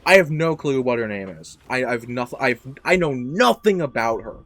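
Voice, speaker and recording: A young man hosting a casual podcast chat, rambling and self-deprecating with sudden loud exclamations. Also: medium pitch, animated, moderate pace, no echo. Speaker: podcast host.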